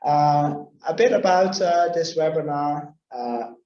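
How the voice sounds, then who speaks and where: A man's voice: fairly high pitch, takes it slowly, mellow, reverberant, lo-fi sound, soft background music. A man opening a webinar as host, hesitant and full of fillers. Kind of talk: webinar introduction.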